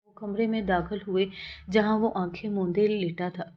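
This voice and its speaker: A woman narrating a romance novel aloud in a steady, plain way. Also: medium pitch, highs cut off.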